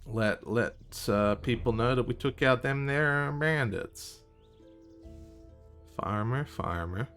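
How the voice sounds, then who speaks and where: A man's voice: mid-range voice, slow, fairly bright tone. A man streaming a video game live, commenting in a wry, offhand way and swearing freely. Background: game music.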